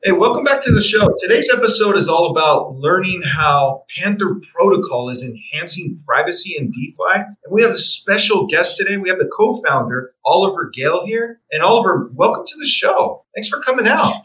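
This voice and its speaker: A man's voice: high-pitched, expressive, normal speed, hardly any pauses, sharp tone, a little hiss or hum, poor audio. A man hosting a podcast, asking questions in an upbeat, casual way. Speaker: podcast host. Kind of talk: podcast interview.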